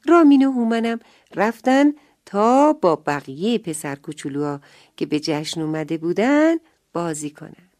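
A woman telling a bedtime story to children, gentle and expressive, sometimes dropping to a whisper. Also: lowish voice, dry recording, clean studio sound.

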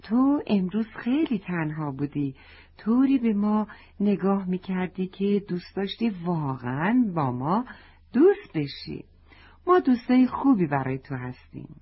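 Gentle orange-fruit girl spirit, played by a woman, soft and breathy, lo-fi. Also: medium pitch, big pitch swings.

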